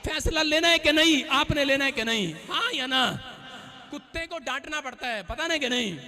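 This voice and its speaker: A male pastor, preaching a sermon in church with emphatic, joking storytelling and shouted prayers. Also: extremely high pitch, normal speed.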